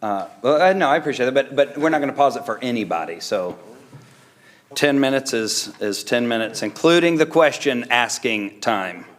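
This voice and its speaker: A man's voice: mid-range voice, expressive, normal speed. Man chairing a public meeting. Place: indoor council chamber, dais microphone.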